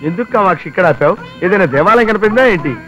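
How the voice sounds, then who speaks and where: Brief: a henpecked film husband, high and bright, constantly complaining. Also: male voice, lively intonation, fast, faint music behind, poor audio. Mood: bickering. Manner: complaining, exasperated. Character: exasperated husband, grumbling, self-pitying.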